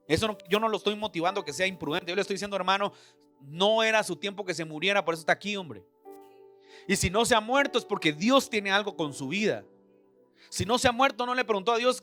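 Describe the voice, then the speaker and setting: A middle-aged man with a Central American Spanish accent preaching a sermon as pastor, talking to the congregation as brothers and asking them questions. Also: high-pitched. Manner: preacherly, addresses listeners as brother, rhetorical questions. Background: soft background music.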